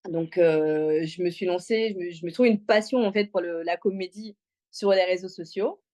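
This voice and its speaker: A talkative Congolese woman who moved to Belgium at six tells personal stories casually, with slang, as an interview guest. Her voice sits on the low side, warm in tone, at a normal speed.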